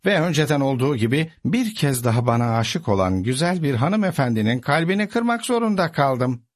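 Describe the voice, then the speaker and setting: A man's voice: mid-range voice, sing-song, a little fast, voice pushed up. A man voicing a gallant, dignified older knight in a storybook reading, courtly in manner. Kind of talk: storybook character voice.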